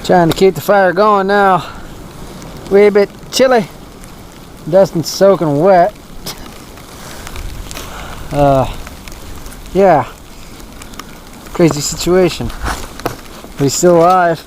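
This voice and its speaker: A man's voice: high-pitched, slow pace, long pauses, slight background noise, low-quality recording. Easygoing man narrating a snowy camp vlog. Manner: easygoing, chuckling, rambling with fillers. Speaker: outdoor vlogger. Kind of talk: casual camping vlog narration. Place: snowy campsite outdoors by a fire at night. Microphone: action camera.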